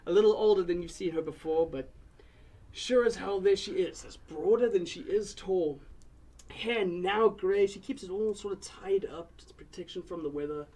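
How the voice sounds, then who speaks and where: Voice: medium pitch, normal speed, warm tone, low-quality recording. A game master narrating scenes of a tabletop game in a casual, descriptive way with fillers.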